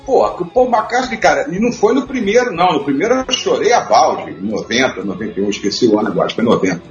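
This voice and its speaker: A man talking casually on a radio show, telling lively stories with frequent laughs. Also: a little high, quick pace. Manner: animated storyteller, laughs often. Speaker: guest. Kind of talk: casual chat. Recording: muffled roomy sound with faint music.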